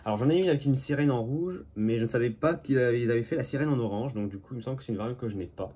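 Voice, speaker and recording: A toy car collector from Normandy, France, chats casually as he shows off his flea market finds, often correcting himself and tossing in jokey asides. His medium-pitched voice is warm and slightly rough, and he talks rapid-fire.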